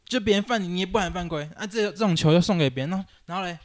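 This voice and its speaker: In a casual basketball chat, a young man co-hosting a podcast races along in a high-pitched voice, complaining animatedly and acting out quotes. The studio-quality recording has no room sound.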